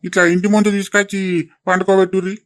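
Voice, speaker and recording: A man plays an old village grandfather in a cartoon, scolding and sympathizing at once. His voice sits high and bright, and it is recorded dry and close. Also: monotone, racing, dry recording. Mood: concerned. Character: elderly village grandfather, concerned and advising. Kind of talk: cartoon voice acting.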